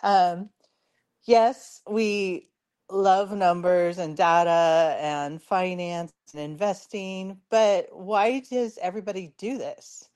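A woman hosting a casual radio talk show in a chatty, informal, giggly way, her voice hoarse and worn from too much talking. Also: fairly low pitch, steady tone, slow, darkish tone.

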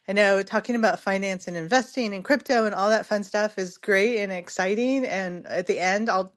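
A woman hosting a casual radio talk show in a chatty, informal, giggly way, her voice hoarse and worn from too much talking. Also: mid-range voice.

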